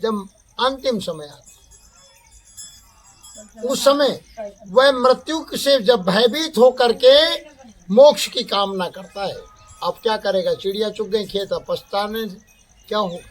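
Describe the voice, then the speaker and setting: A man's voice: sits high, soft background music. A man giving a spiritual satsang discourse, explaining each term by repeating and defining it. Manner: slow, explains terms by repeating and defining them. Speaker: spiritual teacher.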